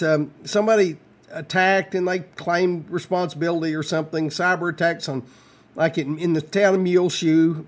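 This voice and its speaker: A man hosting talk radio in a fairly high voice. He chats in a folksy way and turns scornful, and his pitch shoots up when he mocks. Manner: folksy, scornful, rises sharply when mocking. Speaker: radio talk show host. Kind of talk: conservative talk radio commentary.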